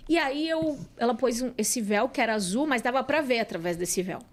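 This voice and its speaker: A woman with a Santos Brazilian accent, a podcast guest and psychologist, telling a personal story in an animated way. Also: a little high, fairly quick. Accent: Brazilian Portuguese, Santos. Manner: animated, acts out quoted dialogue. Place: podcast studio.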